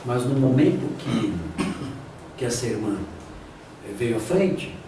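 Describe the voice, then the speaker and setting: A man's voice: medium pitch, animated, slow pace, dark tone. A man, a pastor, teaching a theology class in a conversational way, often acting out the voices of the people he quotes. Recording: echoey room, distant mic, noisy.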